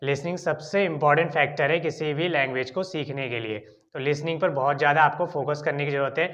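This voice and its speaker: A man's voice: on the high side, a little fast, fairly bright tone, dull audio. A man with an Indian accent teaching an English lesson, explaining step by step and often checking in with "ठीक है". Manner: repeats "ठीक है" often as a filler.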